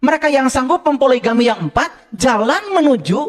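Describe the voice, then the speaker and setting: A man preaching a sermon to an audience, teasing his listeners with joking asides and leaping up in pitch when he quotes scripture. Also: fairly quick. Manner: animated, jumping high in pitch for quotes. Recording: hall reverb.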